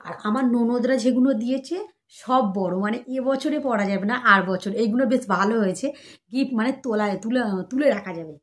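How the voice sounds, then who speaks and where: A young woman chatting casually to her viewers, showing gifts for her baby and keeping her voice soft so the child sleeps. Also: a little high, brisk. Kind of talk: casual chat to camera.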